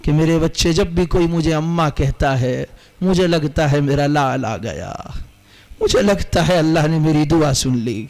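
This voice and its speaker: A man's voice: a little high, darkish tone, pitched below the performer's own voice, lightly acted, rough recording. A man preaching, voicing a frail, blind old mother who speaks in a tender, pleading way. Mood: grieving.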